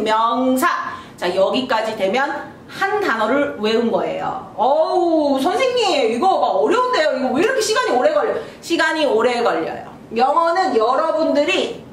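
A woman teaching a basic English lesson, who sounds out syllables slowly and acts out her students' questions. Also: high voice, far from the mic. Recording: echoey room, voice from off mic, faint noise.

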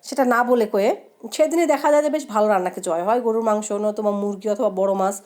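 A young woman with a voice hoarse from a cold, chatting in a heartfelt, rambling way while she cooks. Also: mid-range voice, expressive, very fast, darkish tone. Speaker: cooking vlogger. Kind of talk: casual chat while cooking.

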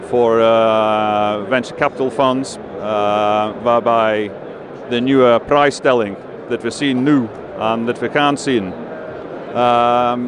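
Male director, forties, native English speaker with English accent. Slow, halting interview delivery, clear trade-fair bustle behind. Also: medium pitch, background noise. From London, England. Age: 40s. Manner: halting, searching for words in second language. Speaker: company director being interviewed. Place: busy indoor trade fair stand. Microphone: handheld interview microphone close below chin. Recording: clear bustle of busy exhibition hall behind.

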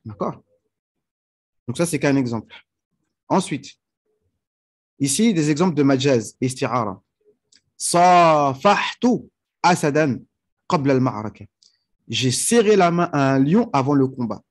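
Husky-voiced man teaching a religious lesson. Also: mid-range voice, expressive, a little mellow. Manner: explains patiently with everyday examples, checks understanding often; reads Arabic phrases slowly before translating them. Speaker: teacher of Arabic rhetoric.

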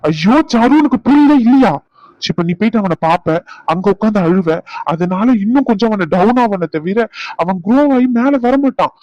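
Acting as the young woman's uncle, a middle-aged man scolds and then coaxes his stubborn niece, stern yet caring in a coaxing mood. His high, slightly mellow voice moves at normal speed and stays close to everyday speech. The recording is dull and lo-fi, with no room sound.

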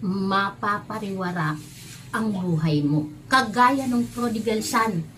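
A woman teaching Sunday school, telling a story to children in an animated way, often speaking to them directly and acting out the characters' lines. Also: mid-range voice, slow, a little hiss or hum.

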